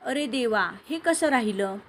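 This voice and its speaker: Woman reader as young heroine, confused, embarrassed, light and high. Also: animated, unhurried, slight background noise. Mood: flustered.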